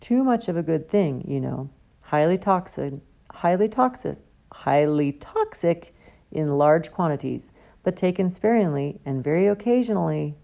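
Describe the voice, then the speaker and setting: A woman's voice: sits low, lively intonation, measured pace, vocal fry, dark tone, heavily acted. A woman voicing a genial, pompous older male potions teacher who talks theatrically.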